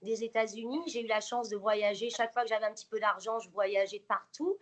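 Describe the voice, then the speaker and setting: A woman's voice: mid-range voice, steady tone, fast. A woman in her forties telling her life story to a small group, with many fillers and hesitations. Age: 40s. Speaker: guest speaker.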